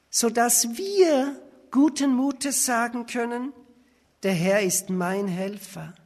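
A man's voice: sits high, a little mellow. A man preaching a sermon, reading verses aloud and pressing his points with emphatic rhetorical questions. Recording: reverberant hall.

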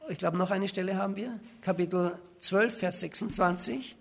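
A man's voice: high voice, fairly even intonation, normal speed, gravelly, a little hiss or hum. A man preaching a sermon, reading verses aloud and pressing his points with emphatic rhetorical questions. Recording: reverberant hall.

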